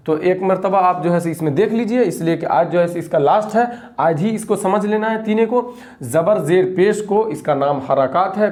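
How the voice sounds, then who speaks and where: A male Quran reading teacher who drills each syllable slowly and repeats it, then explains in a calm recorded lesson. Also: high-pitched.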